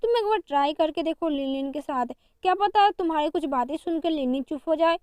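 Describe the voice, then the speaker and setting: A woman's voice: high-pitched, fairly quick, a little mellow, no room sound, natural voice. A woman voicing a smug, unbothered man who has moved into his wife's home, in a plain reading voice. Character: smug calm man, a lazy live-in husband.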